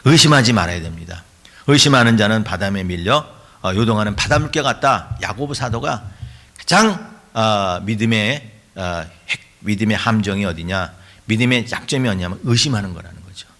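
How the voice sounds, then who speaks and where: A man preaching a sermon as pastor, with emphatic rhetorical questions and frequent throat clearing. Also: on the low side, lively intonation, normal speed, fairly bright tone.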